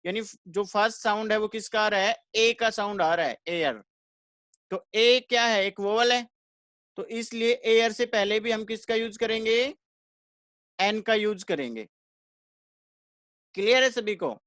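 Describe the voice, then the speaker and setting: A man's voice: high voice, unhurried, long pauses, fairly bright tone, dry recording, studio quality. Male teacher quizzing his online class. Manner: repeats questions to students and answers them himself. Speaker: English grammar teacher.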